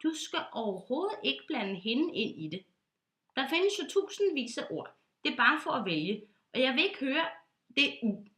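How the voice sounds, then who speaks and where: A woman voicing a fussy, bossy duck pilot in a read-aloud storybook who scolds in a loud, high, pompous way. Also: sing-song, heavily acted. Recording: roomy echo.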